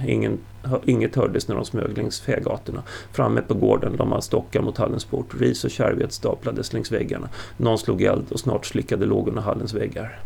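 A man's voice: lowish voice, vocal fry, a little mellow, husky. A man narrating a Viking tale as an audiobook reader, telling it steadily.

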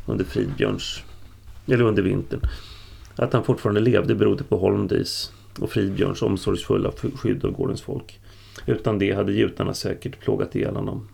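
A man reading a historical novel aloud as an audiobook narrator, in a steady storytelling manner. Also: fairly low pitch, gravelly, breathy edge. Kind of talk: scripted narration.

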